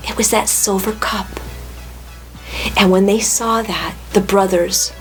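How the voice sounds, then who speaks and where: A woman telling a Bible story to children, talking warmly and putting questions to them. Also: mid-range voice, fairly even intonation, slow, faint music behind. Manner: warm, asks the children questions.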